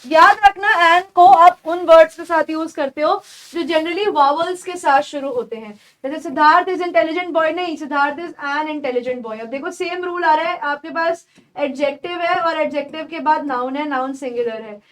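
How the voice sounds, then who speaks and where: High-voiced woman teaching English grammar. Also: normal speed. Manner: explains step by step, calls students "beta"; mixes Hindi with English example sentences. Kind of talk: online exam-prep lecture.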